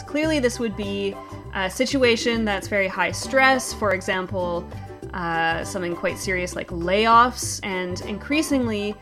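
Woman host, deadpan and brisk, light music bed underneath. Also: mid-range voice. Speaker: comedy show host. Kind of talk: scripted comedy news segment.

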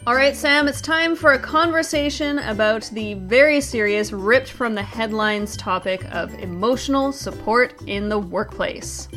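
A woman hosting a scripted comedy news segment with a brisk, wry, deadpan delivery. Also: a little high, over music. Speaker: comedy show host.

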